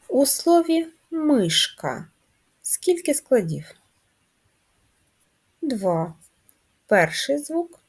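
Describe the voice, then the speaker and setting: Female first-grade teacher; lively rising and falling pitch, unhurried, slightly breathy. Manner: slow, drawn-out, sing-song teacher talk. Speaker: primary school teacher. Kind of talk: first-grade literacy lesson.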